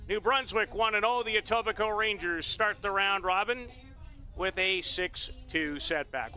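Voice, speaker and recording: A man's voice: high voice, pushed and bright. A man announcing a sports broadcast from the booth and wrapping up the game. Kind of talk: broadcast sports sign-off commentary.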